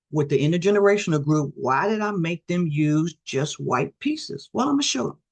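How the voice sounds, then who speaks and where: A middle-aged woman giving a storytelling presentation as a guest speaker over a video call, lively and acting out the voices of the people in her stories. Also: low voice, husky. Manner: animated, acts out quoted voices.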